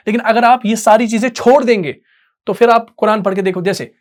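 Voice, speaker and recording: Patient man teaching Quran recitation. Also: sits high. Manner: explains patiently, checks in with "theek", chants verses slowly. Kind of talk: tajweed lesson.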